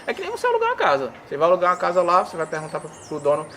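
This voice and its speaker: A man, explaining his views as an interview guest in animated casual talk and acting out examples in quoted voices. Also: sits high, very fast, a little hiss or hum.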